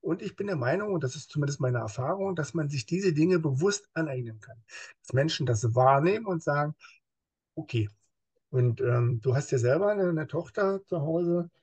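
A man with a somewhat high, husky voice speaks as a guest in a casual interview. He talks in a lively way, explains things with everyday examples and drops into other voices to act out what people say. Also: moderate pace. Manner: lively, acts out quoted speech in other voices. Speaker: police officer as interview guest.

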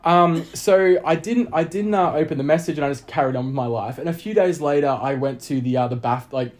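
A man's voice: fairly high pitch, a little fast. A young adult man with an Australian accent, telling a long story in casual chat, rambling with many fillers and acting out other people's lines. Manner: rambling, animated storytelling with lots of fillers and acted-out quotes. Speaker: podcast guest.

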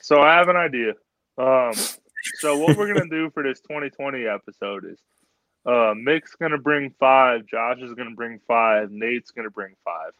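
Emphatischer Mann, dumpfe trockene Aufnahme. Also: male voice, medium pitch, normal speed, a bit bright, no room sound. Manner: emphatic, repeats himself for stress. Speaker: podcast co-host. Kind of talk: casual chat. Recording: dull, dry lo-fi sound.

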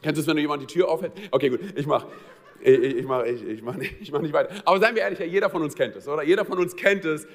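A man's voice: on the high side, racing. A man preaching a sermon to his church congregation, talking straight to the listeners in a conversational, humorous storytelling way with plenty of fillers. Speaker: pastor. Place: church service. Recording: long reverb of a large hall.

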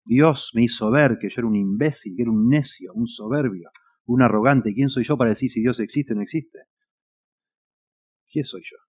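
A man with a Rioplatense Spanish accent preaching a sermon, earnest and emphatic, his voice swelling and dropping in loudness. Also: medium pitch, normal speed. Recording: dull lo-fi recording.

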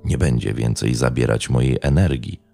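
An eerily calm, deluded man explains himself in a slow, level voice, deep and gravelly. A narrator reads his lines. The voice stays dark and unhurried throughout. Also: soft background music, exaggerated voice. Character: calm deluded male killer on the phone.

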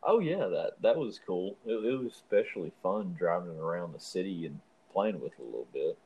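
Husky, low-voiced man chatting. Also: animated, brisk, phone-quality sound. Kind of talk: casual chat.

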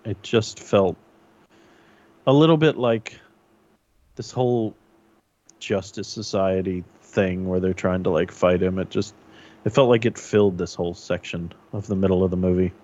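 A man's voice: on the low side, darkish tone, lo-fi sound. A man chatting casually about a movie with a co-host, hesitant and let down in his delivery. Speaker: podcast co-host. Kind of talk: casual movie review chat.

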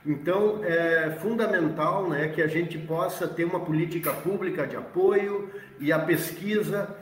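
A Brazilian man giving an explanatory presentation, haltingly, repeating words as he searches for phrasing. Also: a little high. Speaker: agricultural extension worker, interviewee. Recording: roomy, echoey, distant from the mic.

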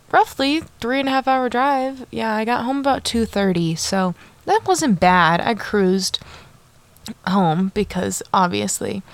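A young woman's voice, on the high side, recorded with no room sound. She hosts her own podcast in a casual solo chat, bubbly and chatty, sprinkling in "like" and asides for her listeners.

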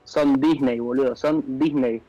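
A man's voice: measured pace, highs cut off, music in the background. A young man with an Argentine accent arguing heatedly in a casual chat, swearing freely, his voice jumping up when he gets worked up. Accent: Argentine Spanish. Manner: excitable, swears a lot, voice jumps high when worked up. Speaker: panelist.

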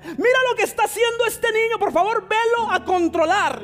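A man voicing an exasperated mother who scolds her son, in a shrill, pleading tone. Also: moderate pace, a bit bright, soft background music.

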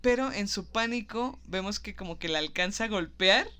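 A woman retells a film scene by scene in relaxed podcast chat. Her voice is bright and forward, set at a middle pitch for a woman. She slips into the characters' lines with lively animation. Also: normal speed, smooth. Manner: animated, acts out quoted lines. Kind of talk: casual film recap chat.

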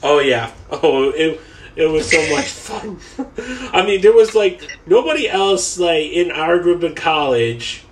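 A man's voice: on the high side, expressive, measured pace, recorded from a distance, background noise. A man co-hosting a casual podcast, chatting enthusiastically and reminiscing. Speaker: podcast co-host. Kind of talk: casual chat.

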